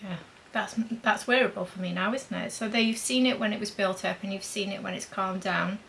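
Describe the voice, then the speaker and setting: A woman's voice: mid-range voice, steady tone, fairly quick, vocal fry, a bit bright, slight background noise, low-quality recording. A woman demonstrating makeup in a chatty vlog, thinking aloud as she applies blush and powder. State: talking with a mint in her mouth. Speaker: beauty vlogger.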